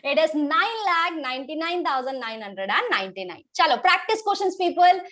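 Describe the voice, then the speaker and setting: An Indian-accented woman leads an online maths class for kids, briskly encouraging them and slipping in Hindi interjections. Her voice sits high and is animated and somewhat bright.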